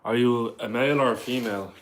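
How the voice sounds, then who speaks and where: A medium-pitched man with a Dublin accent talks fast on his casual livestream, with slight background noise. He reads viewer questions out loud and answers using lots of "like" and "bro."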